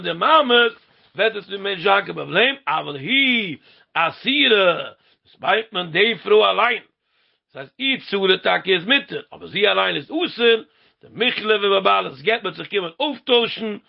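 Creaky high-voiced man teaching Talmud. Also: lively intonation, moderate pace. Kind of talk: Talmud study lecture. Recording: lo-fi dull recording.

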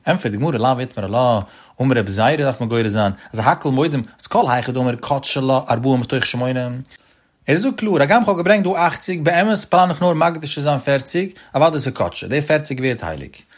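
A man's voice: medium pitch, expressive, fairly quick. A man giving a Talmud study lesson, talking through it in a rising and falling sing-song study chant. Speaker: Talmud teacher.

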